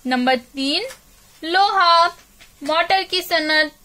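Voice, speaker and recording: A woman teacher with an Urdu-speaking Indian accent, reading a school lesson aloud slowly and clearly for young children. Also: very high voice, pushed and bright. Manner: slow, clear dictation to children.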